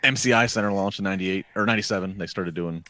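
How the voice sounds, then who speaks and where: A man from Maryland co-hosting a casual wrestling chat, relaxed and full of trivia. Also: low-pitched, fast talker. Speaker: podcast co-host.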